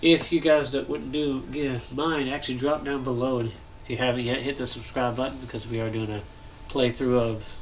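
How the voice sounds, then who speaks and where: Congested and nasal, a young man who hosts a gaming channel muses over a build as he talks casually, his mid-range voice fairly even and a little quick with hardly any pauses. He rambles, thinks out loud, and coughs and clears his throat frequently. The audio is poor, with some hiss or hum.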